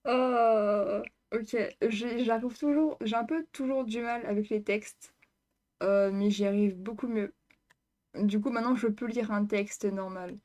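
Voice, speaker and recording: A woman's voice: fairly high pitch, fairly even intonation, unhurried, darkish tone. A woman vlogger reacting to her own video in a casual, self-mocking way, laughing and teasing herself.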